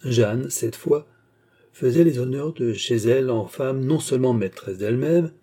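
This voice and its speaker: A man narrating a classic novel with a husky, slightly breathy voice. His tone is dark and mellow rather than bright. He reads in a measured, declamatory way, like a literary audiobook. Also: mid-range voice.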